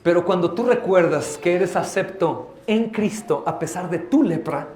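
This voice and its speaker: A man preaching a fervent sermon in a high, bright-edged voice, his words ringing around an echoey church room. He slips into other people's voices to act out the scenes he describes, then returns to urging his listeners on. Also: moderate pace. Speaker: pastor. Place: church sanctuary.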